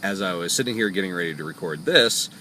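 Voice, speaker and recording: A man's voice: low-pitched, fast, bright, forceful tone, a little hiss or hum. A man, a taxi driver, telling stories in a chatty, jokey, rambling way from his parked cab. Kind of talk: casual storytelling vlog. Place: parked taxi in a parking lot.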